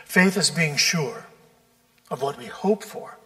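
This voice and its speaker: A pastor delivers a sermon from the pulpit in a slightly high, animated, pushed, bright voice, measured and deliberate as he stretches out key words for emphasis. The church sanctuary's long reverb trails after his voice.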